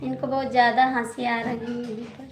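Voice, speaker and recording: A woman's voice: on the high side, level tone, fairly quick, a crowd in the background. A young woman with an Awadhi-region Hindi accent hosting a casual livestream, chatting with viewers, teasing and scolding them. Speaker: livestream host. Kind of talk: casual live-stream chat with viewers. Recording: echoey room with background noise.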